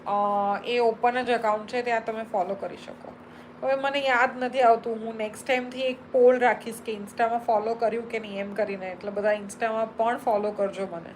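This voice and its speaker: A woman's voice: fairly high pitch, steady tone, normal speed, a little hiss or hum, rough recording. A Gujarati woman hosting a live stream, chatting casually as she reads viewer comments aloud and answers them one by one. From Gujarat, India.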